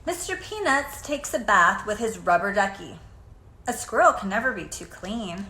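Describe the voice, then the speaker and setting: With a mid-range voice, a woman reads a children's picture book aloud, telling the story expressively and deliberately. The room is echoey, with faint background noise.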